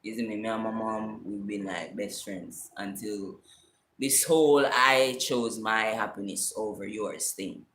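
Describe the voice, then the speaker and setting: A young man in his twenties with a Jamaican accent, telling a personal story in a casual livestream, animated and emphatic, often asking "you see me?". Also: lowish voice, measured pace, slight background noise. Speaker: vlogger. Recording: echoey room.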